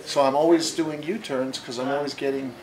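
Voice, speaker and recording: A man's voice: mid-range voice, steady tone, fairly quick, crowd noise, rough recording. A man in his sixties, an author and long-haul trucker, telling stories in an easygoing, wry way during a bookstore interview, seated in an armchair with a lapel mic. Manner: wry, easygoing, drifts quieter as he goes on. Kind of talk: casual interview storytelling.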